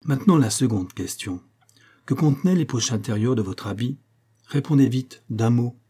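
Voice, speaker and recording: A man reading the part of a shrewd, composed male detective in an audiobook, speaking in a crisp, assured way. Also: medium pitch, lively intonation, moderate pace, warm tone. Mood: probing.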